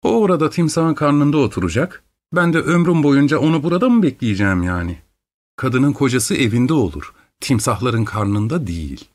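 A male narrator in an audiobook plays a flighty, capricious young wife, raising his voice into a petulant, sing-song pitch full of exclamations. She comes across as high-strung and quick to take offense, though the acting stays light.

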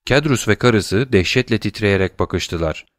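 A man reading a novel aloud in scripted audiobook narration, measured and suspenseful. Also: on the low side, expressive, a bit bright, no echo, clean studio sound.

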